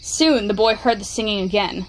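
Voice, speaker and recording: A woman narrating a scary story in steady, measured storytelling. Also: medium pitch, slight background noise, low-quality recording.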